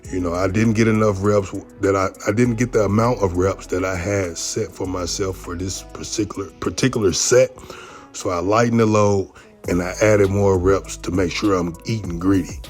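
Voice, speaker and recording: A man narrating his own workout footage as a casual instructional voice-over, talking in a relaxed, conversational way and often adding "you know what I mean". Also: low voice, moderate pace, faint music behind.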